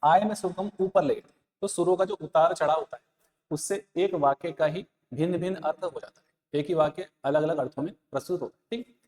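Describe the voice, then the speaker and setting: A man's voice: fairly high pitch, a little fast, darkish tone, in a large hall. A man teaching an exam-prep lesson, repeating key points and quizzing listeners with rhetorical questions. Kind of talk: Hindi exam-prep lesson, explaining answers.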